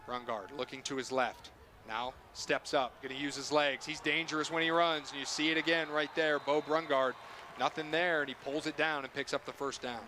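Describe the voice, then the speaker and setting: A man's voice: fairly high pitch, fairly even intonation, normal speed, background noise. A man calling live football play-by-play in short phrases that follow the action. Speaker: play-by-play announcer. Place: stadium broadcast booth.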